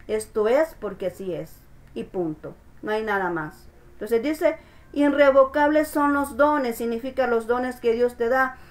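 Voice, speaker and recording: Emphatic woman pastor preaching. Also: on the high side. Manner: emphatic preaching, repeats phrases, asks listeners "¿verdad?". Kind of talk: sermon.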